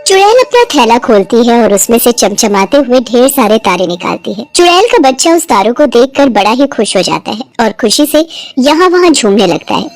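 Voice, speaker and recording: Lively woman narrating a cartoon story. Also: fairly high pitch, normal speed.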